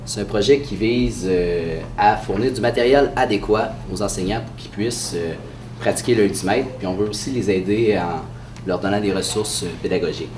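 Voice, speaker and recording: Male, Quebec French, low-pitched, congested with a cold, halting press-conference presenter, distant mic in an echoey room. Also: darkish tone, a little hiss or hum. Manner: hesitant, halting delivery with frequent pauses. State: has a head cold. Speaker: sports association president presenting. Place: indoor room at a press event.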